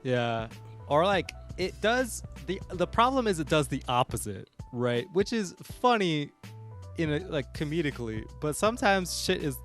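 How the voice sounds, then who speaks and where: A man hosting a podcast in casual chat, quick with asides and often checking in with "right?". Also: a little high, big pitch swings, a bit bright, faint music behind. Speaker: podcast host.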